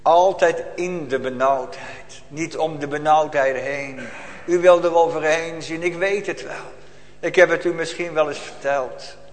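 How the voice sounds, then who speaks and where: A man delivers a solemn sermon in a church. His voice sits somewhat high and he presses his congregation with urgent rhetorical questions. A long reverb from the hall trails each phrase. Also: steady tone, measured pace. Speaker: pastor.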